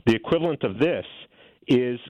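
A middle-aged author and policy analyst answers interview questions, arguing policy fluently and assertively. His medium-pitched voice is expressive and at normal speed, recorded dry but over a tinny, phone-like line.

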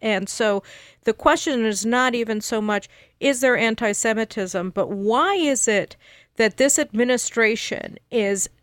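A woman's voice: a little high, unhurried, no echo, studio quality. Emphatic woman analyst on talk radio. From United States. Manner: emphatic, argumentative, builds long sentences. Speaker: political analyst guest. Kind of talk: radio panel discussion.

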